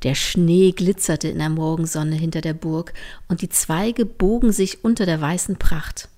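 A woman narrating a storybook in a gentle, lilting way, sometimes dropping to a hush. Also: lowish voice, fairly even intonation, unhurried, soft background music.

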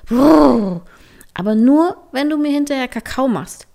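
A woman voicing a sleepy, gentle young woman in a storybook, murmuring slowly. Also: high-pitched, lively intonation, gravelly, pitched above the performer's own voice, exaggerated voice. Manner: drowsy and murmuring.

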